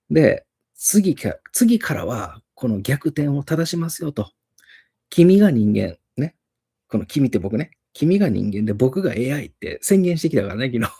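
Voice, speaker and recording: 関西訛りの中年男性講師、くだけた一人語り、声は暗めで少しかすれ、抑揚は大きい。. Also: male voice, mid-range voice, slightly rough. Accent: Osaka dialect. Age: middle-aged. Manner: chuckles often, animated retelling. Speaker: English teacher. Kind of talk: casual storytelling monologue.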